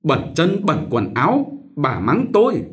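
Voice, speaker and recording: A man's voice: fairly high pitch, huge pitch swings, unhurried, pitched above the performer's own voice. A man voicing a timid young servant girl who pleads deferentially in a storybook reading. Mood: pleading.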